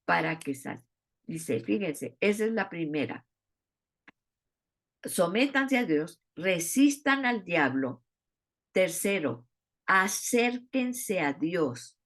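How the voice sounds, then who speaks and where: A woman teaching a Bible study in an expressive way, often asking her listeners rhetorical questions. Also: on the low side, slow pace, pauses often.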